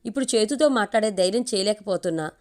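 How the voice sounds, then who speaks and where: A woman's voice: medium pitch, lively intonation, very fast, a little mellow, lightly acted. A woman voicing a lovesick young husband in a read-aloud story, speaking in a pleading, boyish way.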